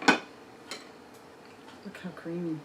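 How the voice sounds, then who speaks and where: A woman chats through her home cooking vlog, telling viewers about each dish as she serves it. The room is echoey, with clear background noise around her. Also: very slow, far from the mic. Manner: chatty, narrates the food to viewers. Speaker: cooking channel host. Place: home kitchen and dining table.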